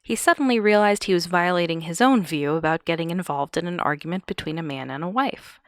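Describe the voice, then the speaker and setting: A woman's voice: on the low side, fairly quick, dry recording. A woman hosting a podcast, recounting a true-crime case with wry, chuckling asides. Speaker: podcast host.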